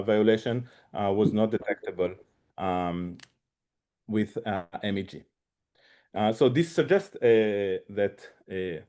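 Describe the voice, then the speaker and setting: A man presenting a research seminar, speaking haltingly with many fillers and restarts. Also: on the low side, darkish tone. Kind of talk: academic seminar talk.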